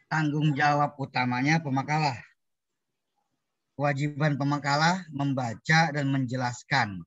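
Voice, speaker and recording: A man's voice: on the high side, fairly even intonation, unhurried, fairly bright tone, no room sound, dull audio. A male lecturer teaching an online class, explaining step by step with lots of repetition and playful wordplay over video call audio. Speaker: Islamic studies lecturer.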